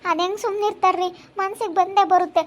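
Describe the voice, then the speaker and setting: A woman's voice: very high voice, steady tone, quick pace. A woman acting a tearful young pregnant wife who keeps complaining about how her family hurts her, speaking while crying. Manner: plaintive, complaining. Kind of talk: amateur family drama.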